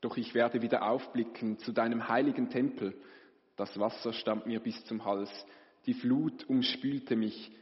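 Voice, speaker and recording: A man with a mid-range voice reads scripture slowly and solemnly. The recording has a long hall reverb and a muffled, lo-fi tone. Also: mid-range voice. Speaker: scripture reader. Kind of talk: liturgical Bible reading. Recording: reverberant hall, dull lo-fi sound.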